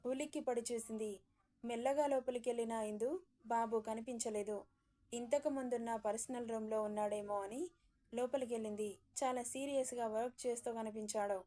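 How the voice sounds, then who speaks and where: A woman storyteller giving steady narration of a serialized story. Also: fairly high pitch, brisk.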